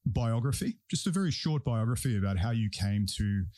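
A man's voice: fairly low pitch, lively intonation, brisk, mellow, dry recording, clean studio sound. A man hosting a podcast, talking casually in a blunt, opinionated way. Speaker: podcast host and breathwork practitioner. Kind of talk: casual conversational talk.

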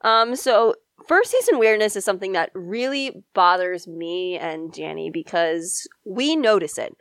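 A woman's voice: mid-range voice, lively intonation, a little slow, dry recording. A young woman co-hosting a podcast in casual, bantering chat while her throat is sore. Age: young adult. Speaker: podcast co-host.

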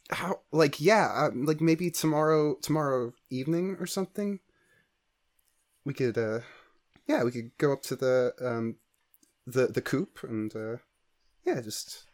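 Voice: medium pitch, expressive, measured pace, pauses often, close to an everyday voice. A player voicing a shy bird character who rambles and hesitates, full of fillers. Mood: awkward, nervous. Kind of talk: playing a character in a tabletop game.

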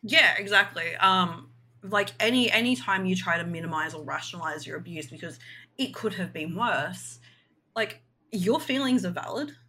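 A woman's voice: lowish voice, lively intonation, moderate pace, pushed and bright, a little hiss or hum. A woman co-hosting a casual podcast chat, frank and full of fillers. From Australia. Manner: chatty, filler-heavy, frank. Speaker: podcast co-host.

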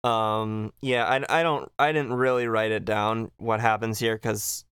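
A man's voice: fairly low pitch, steady tone, a little slow, fairly bright tone, clean tone. A man co-hosting a podcast, chatting casually through a story recap and acting out the quoted lines as he goes. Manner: acts out quoted lines while retelling. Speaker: podcast host. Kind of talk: casual recap chat, reading out dialogue.

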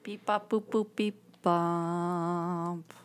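A woman's voice: fairly even intonation, extremely slow, smooth. A woman doing a sing-song beeping robot voice. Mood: playful. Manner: sing-song robot beeps, rising pitch. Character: playful beeping computer robot. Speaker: podcast co-host. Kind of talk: casual chat.

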